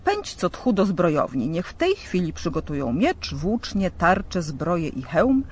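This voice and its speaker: A man's voice: high-pitched, huge pitch swings, a little slow, husky, heavily acted. A man voicing a worried, commanding male prince in a storybook reading.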